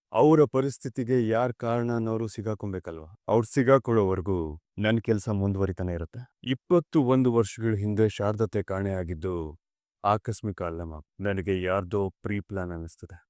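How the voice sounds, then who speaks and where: An actor playing a determined young police officer in a television serial, speaking firmly and resolutely about a case. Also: male voice, on the low side, darkish tone, no room sound, studio quality, lightly acted. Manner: firm, resolute.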